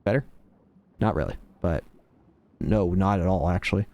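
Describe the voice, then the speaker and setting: A man's voice: low voice, expressive, normal speed, vocal fry, darkish tone, highs cut off. A man giving casual, offhand video game commentary, rambling to himself, with some static on the mic.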